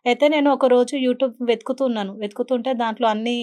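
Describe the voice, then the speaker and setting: A woman speaking as a talk-show guest, telling her own story in an earnest way. Her voice sits a little high, and her words come quickly. She often slips English words into her speech. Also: steady tone, darkish tone. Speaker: interview guest. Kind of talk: emotional personal storytelling in an interview.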